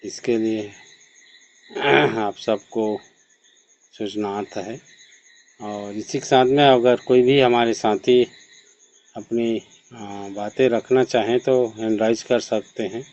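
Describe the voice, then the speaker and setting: A man with a fairly low voice closes an online meeting with formal announcements. He speaks very slowly, pausing on hesitant fillers. The sound is dull and lo-fi, as over a video call. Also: steady tone, a little mellow. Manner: slow, measured, with many hesitation fillers. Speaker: online session moderator.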